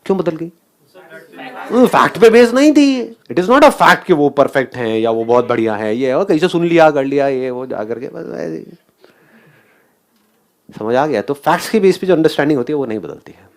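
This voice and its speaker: A man's voice: on the high side, expressive, moderate pace. A man giving a motivational talk, asking the audience questions and mixing English phrases into his speech. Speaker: motivational speaker.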